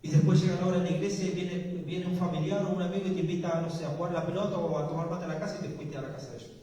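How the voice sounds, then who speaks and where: Preacher in an echoey hall. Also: male voice, sits high, steady tone, racing, dark tone. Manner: earnest preaching, rising to emphatic lists. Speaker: pastor. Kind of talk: sermon. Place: church hall. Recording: echoey church hall, mic far off.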